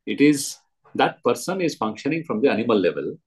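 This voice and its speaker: A man with a South Indian accent giving a spiritual discourse as a teacher, in short, emphatic, deliberate phrases, often repeated. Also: medium pitch, very animated. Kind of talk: spiritual discourse answering a question, with parables.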